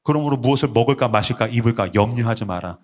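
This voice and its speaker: A man in his thirties, a pastor preaching a sermon in a casual, lively way, using slang, rhetorical questions and acted-out quotes. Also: medium pitch, quick pace. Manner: lively, acts out quoted voices.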